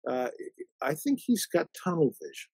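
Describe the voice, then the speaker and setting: A man hosting a conversational interview, talking haltingly with many fillers and restarts. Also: a little high, wildly swooping pitch, a little mellow, slightly rough, no room sound, low-quality recording. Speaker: interview host.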